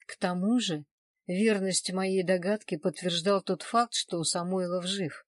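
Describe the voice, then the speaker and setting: A woman's voice: lowish voice, steady tone, unhurried, no echo, studio quality. Woman reading a first-person novel. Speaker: audiobook narrator.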